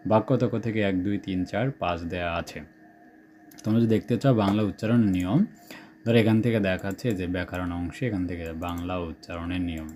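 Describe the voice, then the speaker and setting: A man's voice: deep voice, steady tone, a little fast, a little mellow, a little hiss or hum. A young man with a Bangladeshi Bengali accent, talking students through exam prep questions and checking in often. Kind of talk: screen-share exam suggestion walkthrough.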